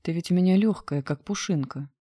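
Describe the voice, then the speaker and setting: A woman reading as a hoarse-whispering young lover. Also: on the low side, brisk, dark tone, lightly acted. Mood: strained.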